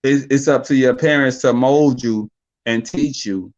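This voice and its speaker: A man's voice: medium pitch, unhurried, a little mellow, highs cut off. A young man in a casual podcast debate, talking loosely and repeating words while he works out his point. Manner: loose, rambling, repeats words when thinking. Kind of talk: casual debate over mics.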